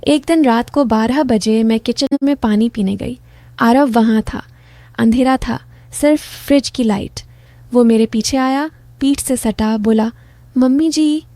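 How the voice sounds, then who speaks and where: A woman's voice: on the high side, steady tone, measured pace, mellow, dry recording. A middle-aged woman narrating a first-person story in a confiding, intimate manner.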